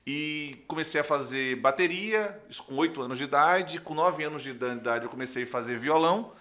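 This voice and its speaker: A young pastor from Recife in northeastern Brazil, with the region's accent, guests on a podcast and shares his testimony conversationally. His slightly high voice moves briskly as he animatedly acts out dialogue and often checks in with "né".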